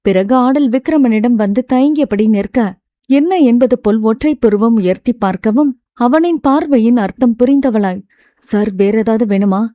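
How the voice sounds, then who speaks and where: A woman narrating a novel as an audiobook narrator, with a steady storytelling delivery. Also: fairly high pitch, moderate pace, no echo, studio quality.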